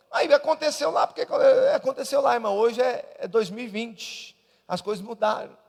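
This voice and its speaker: A man preaching a Pentecostal Sunday school sermon as an evangelist, from Brazil, building into loud emphatic preaching in a church hall. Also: very high voice, creaky. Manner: swells into loud emphatic preaching, repeatedly addressing "irmão". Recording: long church reverb.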